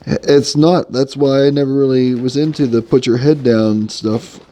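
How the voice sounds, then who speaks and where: Woman co-host, very low voice, relaxed casual chat. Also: normal speed, a little hiss or hum. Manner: easygoing, explains things, short agreeing replies.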